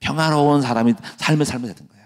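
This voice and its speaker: A man's voice: a little high, rapid-fire, a little mellow. A middle-aged male pastor giving a chatty, folksy sermon that builds into a fervent prayer. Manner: folksy, chatty preaching with laughs and asides.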